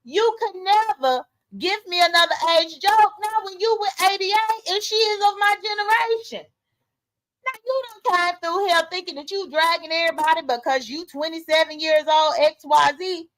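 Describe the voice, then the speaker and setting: Woman in her late 30s, high voice, blunt and emphatic, vlog commentary. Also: normal speed, a bit bright, rough recording. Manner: emphatic, blunt, talks straight to viewers. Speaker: vlogger. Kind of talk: casual commentary monologue.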